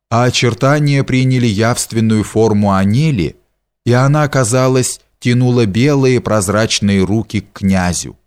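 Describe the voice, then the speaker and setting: A man reading a story aloud in measured, deliberate audiobook narration. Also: medium pitch, a little mellow. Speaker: audiobook reader.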